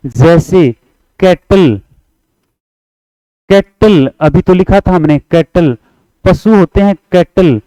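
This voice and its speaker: A man with a Haryanvi Hindi accent teaching English grammar for exam prep, repeating points, coaxing students to answer along and reading example sentences slowly. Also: sits high, mellow, no echo, poor audio.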